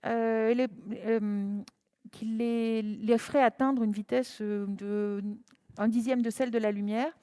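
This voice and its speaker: A woman panelist answering a question thoughtfully, pausing with fillers. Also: a little high, dark tone, smooth, no room sound, clean studio sound. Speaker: panel speaker, scientist.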